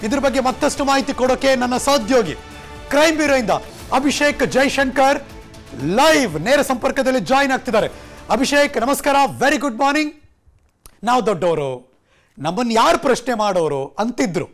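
A man's voice: very high-pitched, lively intonation, normal speed, soft background music. A man anchoring a TV news bulletin in a studio, talking in an emphatic, conversational way and dropping in English phrases.

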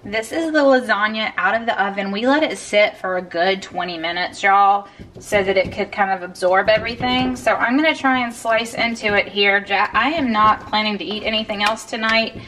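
A woman in her thirties, a cooking vlogger, chats through a casual cook-along in her home kitchen, frequently calling viewers "y'all." Her medium-pitched voice is steady and sharp at a normal speed, with a little hiss or hum in the recording.

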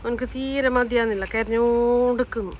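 A woman's voice: on the high side, steady tone, moderate pace, noisy background. A young woman, giving brief practical replies in a casual family chat.

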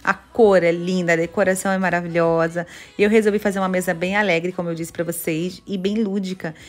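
A woman's voice: on the low side, steady tone, a little fast. Brazilian-accented woman, home decor vlogger, enthusiastic and gushing, casual chat. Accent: Brazilian Portuguese. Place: home kitchen, indoors.

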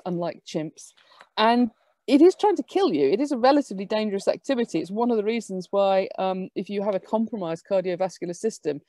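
Woman, academic lecture, mellow warm tone, lively explaining, dry close sound. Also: medium pitch, no room sound. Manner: lively, explanatory, quick asides.

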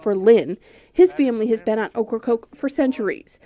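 A woman's voice: fairly high pitch, animated, normal speed, dark tone. A woman reporter reading scripted narration for a news feature.

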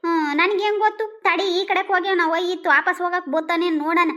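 A woman's voice: very high voice, fairly even intonation, quick pace, bright, forceful tone. A woman playing a hard-of-hearing village mother-in-law in a comedy sketch, talking in a complaining way. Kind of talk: rural comedy sketch dialogue.

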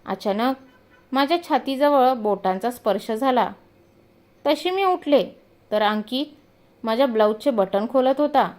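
A woman's voice: on the high side, animated, measured pace, long pauses, a little mellow. A woman doing a stern commanding auntie. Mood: scolding. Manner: scolding, commanding. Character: middle-aged woman neighbour, stern then playful. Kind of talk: storytelling.

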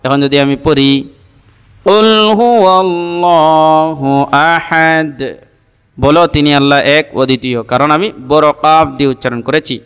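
A Bangladeshi man teaching correct Quran pronunciation, explaining slowly and deliberately and drawing out the Arabic sounds. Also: mid-range voice, level tone, a bit bright, clear, resonant tone, big-room sound. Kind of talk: Quran pronunciation lesson with chanted recitation.

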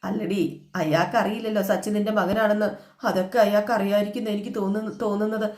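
A woman voicing a middle-aged friend who brushes off worries with calm reassurance. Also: medium pitch, brisk, natural voice. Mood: reassuring. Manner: soothing, dismissive. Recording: echoey room.

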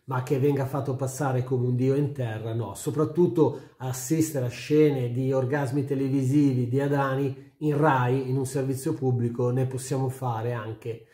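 A man's voice: medium pitch, fairly even intonation, moderate pace, hardly any pauses, mellow. A middle-aged man giving his opinion casually to camera, emphatic and repeating his phrases, recorded at home. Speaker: YouTube sports commentator. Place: small furnished room at home, indoors. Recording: roomy indoor echo.

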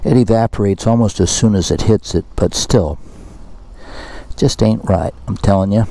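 A motorcycle vlogger fuels his bike outdoors at a fuel station, keeping up a casual running commentary that's wry, self-mocking, and packed with chatty asides. His voice sits on the low side, warm in tone, at a normal speed. There's no echo.

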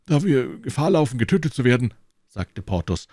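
A man voicing a loud, blustering young musketeer in an audiobook reading, speaking boisterously and higher than his own voice. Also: very animated, moderate pace, no room sound, clean studio sound.

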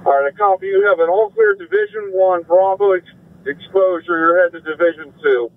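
A man speaks over tinny emergency radio in a high-pitched voice. He is an incident commander at a fire, issuing urgent, clipped instructions to crews. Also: big pitch swings, fairly quick. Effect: two-way radio.

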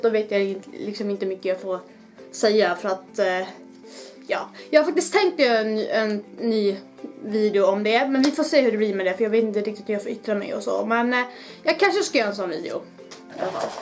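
Young Swedish woman, high voice, nervous and giggly, casual vlog on a camera mic, faint music behind. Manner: giggly, nervous, swears freely. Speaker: vlogger. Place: home, then outdoors by her car.

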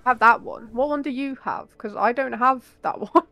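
A woman chatting with a streamer friend while they play a game together, loud and playful, with frequent exclamations. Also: fairly high pitch, moderate pace, dry recording. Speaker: co-player friend. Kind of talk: casual chat while gaming.

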